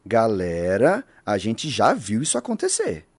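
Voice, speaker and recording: A woman voicing a spirited, husky boy who leads a cartoon gang of young heroes. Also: very deep voice, wildly swooping pitch, unhurried, darkish tone, no room sound, heavily acted.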